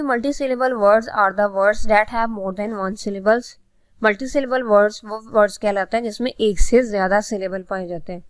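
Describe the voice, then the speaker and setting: Woman, Pakistani accent, teacher, patient explaining, higher pitch, dry recording. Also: no room sound. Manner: patient, repeats words slowly and explains twice. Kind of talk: classroom lesson explaining vocabulary.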